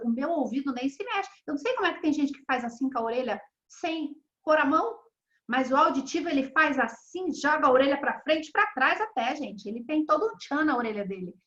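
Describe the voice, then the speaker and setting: A woman, a therapist and mentor, giving a chatty, animated online mentoring class and acting out little dialogues. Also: high voice. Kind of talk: online mentoring class over video call. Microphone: video call. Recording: slightly dull video call audio.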